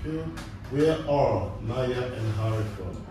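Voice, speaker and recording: In a small indoor test room, a man in his thirties gives a spoken English exam as a teacher, asking short, simple questions and repeating them as prompts. His medium-pitched voice is expressive and slow, in plain classroom speech. The recording is noisy and echoey, picked up by a distant mic.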